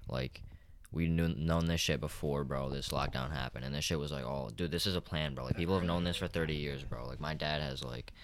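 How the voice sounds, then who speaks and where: A man's voice: very deep voice, steady tone, a little fast, hardly any pauses. A young man in casual podcast chat, rambling and heated, with a lot of filler slang. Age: young adult. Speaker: podcast regular.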